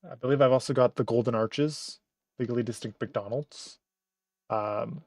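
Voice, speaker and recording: A man's voice: mid-range voice, dry recording. A man streaming casually, thinking aloud as he works through his notes. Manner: thinks aloud while working.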